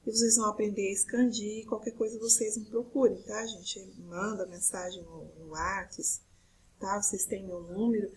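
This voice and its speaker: A woman's voice: mid-range voice, fairly even intonation, moderate pace, darkish tone, slightly rough, low-quality recording. A woman teacher with a Brazilian Portuguese accent, explaining a recorded video lesson step by step and often checking in with her students.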